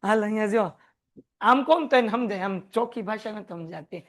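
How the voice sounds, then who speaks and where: A man teaching a class, lively and joking as he quizzes his students. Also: high-pitched, a little fast. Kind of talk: classroom lecture.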